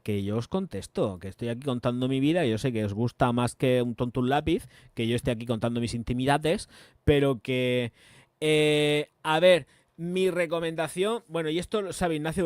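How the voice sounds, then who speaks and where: A man, hosting a casual live chat and telling a story in an expressive, chatty way, with emphatic swearing. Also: mid-range voice, dry recording. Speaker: perfume livestream host.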